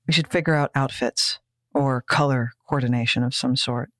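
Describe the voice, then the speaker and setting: A woman's voice: very deep voice, fairly even intonation, normal speed. Woman podcast cohost, dry insistent way of talking, repeats stuff, no room echo at all. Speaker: podcast co-host. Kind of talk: casual chat.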